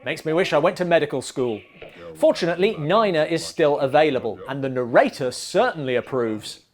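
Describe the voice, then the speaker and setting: A man's voice: fairly high pitch, animated, fairly quick. A man hosting a comedic bad-movie review, narrating with dry sarcasm. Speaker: film reviewer host.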